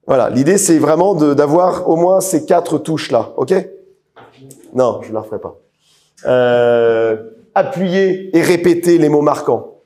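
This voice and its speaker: A man leading a live speaking training, lively and direct, often repeating words and calling on trainees by name. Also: a little high, measured pace.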